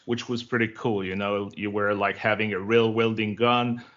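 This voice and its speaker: This casual interview guest is a friendly, chatty French-speaking Quebecer in his forties with a Québécois accent and many fillers. His voice is lowish and fairly bright, with little pitch movement and a normal pace. Sound quality is lo-fi, typical of an online call.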